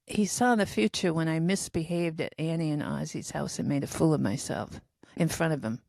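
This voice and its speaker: A woman's voice: sits low, moderate pace, gravelly, a little mellow, no room sound. A woman in her seventies, co-hosting a podcast, telling a long personal story in a rambling, self-deprecating way. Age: 70s. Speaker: podcast co-host telling diary stories. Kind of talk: casual storytelling chat.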